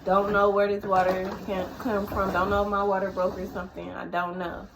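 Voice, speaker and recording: A woman vlogger telling a personal story to the camera, halting and emotional, with many fillers and restarts. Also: medium pitch, flat delivery, noisy background.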